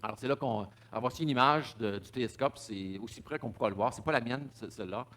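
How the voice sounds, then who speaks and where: A man's voice: medium pitch, fast talker, a bit bright. A man giving a public talk, stumbling over repeated words and fillers. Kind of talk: public lecture with slides.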